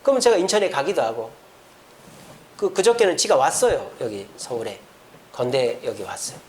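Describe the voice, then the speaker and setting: A man's voice: mid-range voice, big pitch swings, normal speed, slight background noise. A man preaching a sermon as pastor, telling a story with acted quotes in a church. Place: church sanctuary.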